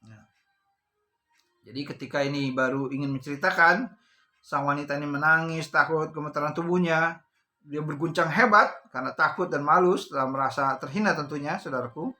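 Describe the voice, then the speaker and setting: A man's voice: fairly high pitch, fairly quick, sharp tone, soft background music. A male preacher telling a story in a sermon, repeating phrases and addressing the listeners as brothers and sisters.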